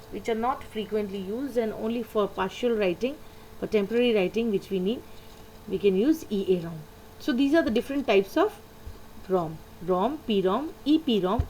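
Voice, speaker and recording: A woman's voice: medium pitch, mellow, a little hiss or hum, poor audio. A woman, teaching a computer lesson and patiently repeating the key points. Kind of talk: lecture explaining slides.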